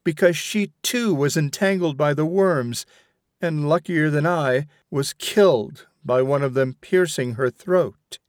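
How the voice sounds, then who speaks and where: A man's voice: fairly high pitch, measured pace, dry recording, clean studio sound, voice pushed up, lightly acted. A man reading aloud as a haunted young rebel who tells his ordeal in earnest, dramatic first person. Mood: vehement. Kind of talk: audiobook reading.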